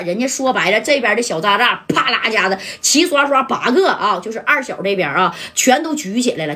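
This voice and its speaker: A woman storyteller narrates a serialized tale. Her voice is bright, a little husky and pitched somewhat high. She talks in a lively, chatty way and keeps asking the listener questions.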